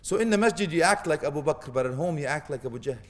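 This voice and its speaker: A man with a notably high voice delivers a sermon, mixing humor and acted-out scenes with Arabic phrases. His voice rings out with a long reverb, as if filling a large hall. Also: expressive, fast talker. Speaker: preacher. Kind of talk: animated Islamic sermon.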